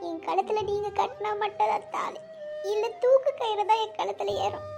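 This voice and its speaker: A woman's voice: very high-pitched, moderate pace, gravelly, over music. A woman voicing a tearful, lovesick young woman in a cartoon, speaking. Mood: pleading. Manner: tearful, pleading. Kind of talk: cartoon voice acting.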